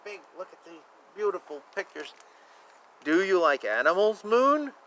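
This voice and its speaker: A high-pitched man reads aloud to small children outside, drawing out words, exclaiming, and chatting between lines. He sounds very animated, unhurried, and a bit bright, and the rough recording picks up faint outdoor noise.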